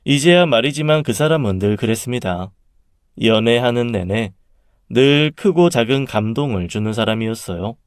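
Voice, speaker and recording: Calm man narrating a confessional story. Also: medium pitch, smooth, no room sound, studio quality. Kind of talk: first-person story narration.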